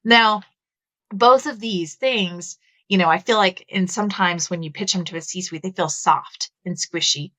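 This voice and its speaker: Unhurried and a bit bright, a woman's lowish voice carries a Texan accent as she talks through her views on a podcast. She's in her thirties and speaks thoughtfully in a conversational interview, with some filler words. The recording is dry.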